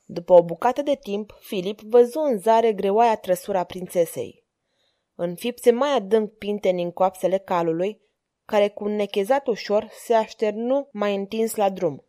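A woman reading an audiobook as narrator, calm and measured. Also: medium pitch. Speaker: volunteer audiobook reader.

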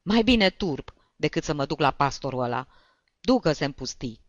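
A reader voices a tipsy, sentimental male clerk who shouts and refuses to budge, in a storybook reading. The voice swings widely in pitch. The recording is dull and dry. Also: very animated, no room sound, natural voice. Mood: defiant.

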